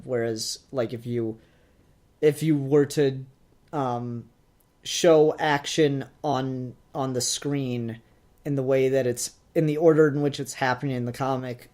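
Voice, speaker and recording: A man with a medium-pitched, somewhat dark voice co-hosts a podcast reviewing fan films. He chats casually and informally as the review discussion goes on.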